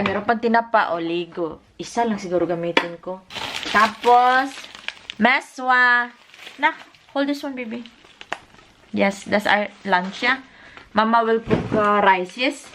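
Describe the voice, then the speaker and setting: Filipino mom chatting while cooking. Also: female voice, fairly high pitch, a little slow, long pauses, background noise. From Philippines. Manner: switches between chatting to viewers and scolding a toddler. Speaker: vlogger and mother. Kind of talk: casual cooking vlog chat. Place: home kitchen. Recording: echoey room from a distance.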